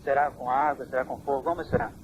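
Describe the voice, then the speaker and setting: Interviewer, man, formal and courteous, heard on worn old cassette tape with steady hiss. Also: mid-range voice, quick pace, dull audio. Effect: hissy, worn old cassette tape. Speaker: priest interviewer.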